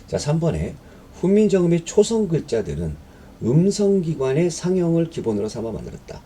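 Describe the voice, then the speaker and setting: A man's voice: on the high side, big pitch swings, fairly quick, dark tone, slightly rough. A man teaching a history exam-prep lecture in a conversational way, reading questions aloud and explaining them with fillers and rhetorical questions.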